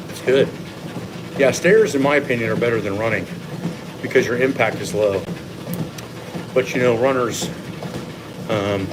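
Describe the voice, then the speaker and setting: A man coaching casually on a livestream while walking on a treadmill, explaining and giving his opinions to viewers. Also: mid-range voice. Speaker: fitness coach hosting a live Q&A. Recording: clear steady machine noise behind voice. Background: treadmill or machine hum.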